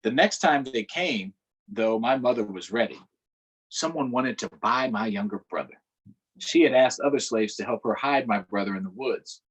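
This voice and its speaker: With a husky, medium-pitched voice at normal speed, a man reads a picture book aloud during a virtual storytime. He's expressive and breaks off to ask the children questions. The recording is rough.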